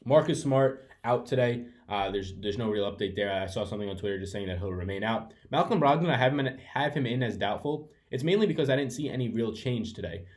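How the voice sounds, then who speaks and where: Talking fast with hardly any pauses, a man with a medium-pitched, expressive voice breaks down his fantasy basketball picks over a webcam at home. This fantasy sports analyst is chatty and rambling, correcting himself as he goes and sniffling from allergies.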